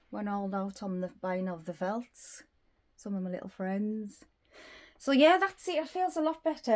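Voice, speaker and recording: A woman's voice: medium pitch, a little mellow. Chatty woman touring her craft room. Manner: chatty, rambling, listing items as she goes. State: slightly out of breath. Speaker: crafting vlogger. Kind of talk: casual room tour narration. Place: small craft room indoors.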